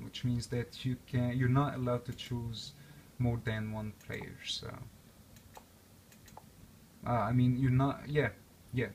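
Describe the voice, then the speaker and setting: With a mid-range voice and a little hiss or hum in the recording, a young man with a non-native English accent reviews a game console in a casual, unscripted walkthrough. Born and raised outside the US, he rambles, using many fillers and restarts.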